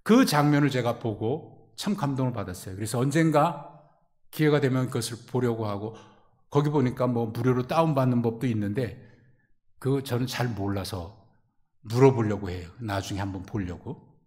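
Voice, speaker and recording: A man preaching a sermon as a pastor, addressing the congregation and acting out quoted voices, swinging from loud pleading questions to hushed near-whispers. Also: mid-range voice, normal speed.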